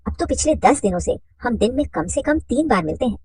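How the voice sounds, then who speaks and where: A woman voicing a chatty middle-aged mother with a husky voice. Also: on the high side, very animated, a little fast, a little mellow, dry recording, pitched above the performer's own voice, exaggerated voice, rough recording. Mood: eager.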